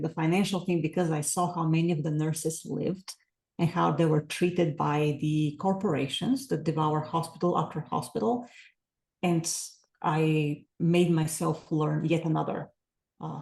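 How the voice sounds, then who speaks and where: Gravelly woman, roomy sound. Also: low-pitched, a little mellow. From Bulgaria. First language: Bulgarian. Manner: earnest, reflective, with many fillers. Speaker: podcast guest. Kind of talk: casual interview talk.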